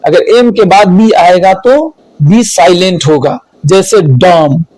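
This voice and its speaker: High-pitched guy teaching spelling rules slowly, says every rule twice, dry room. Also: a little mellow, dry recording, rough recording. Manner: slow, deliberate, repeats each rule. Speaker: English teacher. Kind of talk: spelling lesson explained in Hindi.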